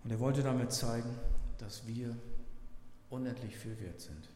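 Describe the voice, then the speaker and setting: A man preaching a sermon as pastor, earnest, slowing down to stress scripture he reads aloud. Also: mid-range voice, mellow, slight background noise. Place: church. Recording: echoey church hall with faint ambience.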